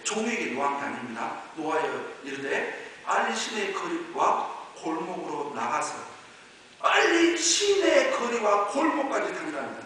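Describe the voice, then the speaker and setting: A male pastor preaching a sermon, moving from quiet low explanation to loud high-pitched exhortation. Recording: echoey hall, voice from far off, faint hiss.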